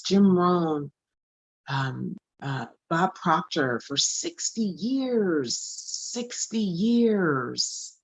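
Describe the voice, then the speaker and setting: A woman's voice: on the low side, breathy edge, dry recording. Earnest woman in her forties, repeating for emphasis. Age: 40s. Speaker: spiritual coach. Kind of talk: motivational talk to camera.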